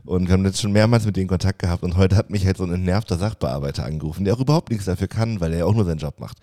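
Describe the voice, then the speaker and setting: A man co-hosting a casual podcast from an office, venting his frustration in quick, rambling bursts with frequent restarts. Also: deep voice, mellow. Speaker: podcast co-host.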